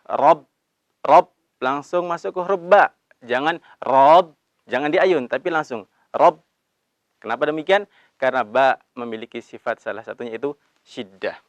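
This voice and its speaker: A man teaching Quran recitation, explaining letters patiently and drawing out the recited verses slowly. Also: a little high, no room sound. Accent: Indonesian. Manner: slow drawn-out recitation of verses between brisk explanations; calls himself Abi, patient instructive tone. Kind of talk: recitation lesson with chanted examples.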